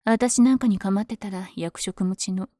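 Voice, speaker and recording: A woman playing a powerful, flirtatious villain lady smitten with her hero rival, in an ASMR audio drama with teasing, breathy asides. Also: medium pitch, normal speed, mellow, no room sound, studio quality, lightly acted. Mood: playful, cocky.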